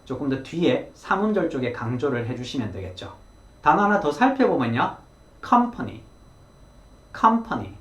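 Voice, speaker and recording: A man's voice: mid-range voice, sing-song, fairly quick. A man teaching English pronunciation in a lesson, explaining step by step in an encouraging way and modeling words aloud. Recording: echoey room.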